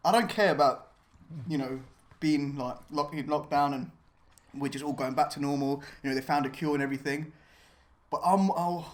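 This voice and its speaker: A young man with a fairly high voice talks loosely and rambles through restarts. He swears freely and laughs between thoughts, in a relaxed podcast chat. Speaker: podcast host answering questions. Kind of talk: casual chat while eating hot wings.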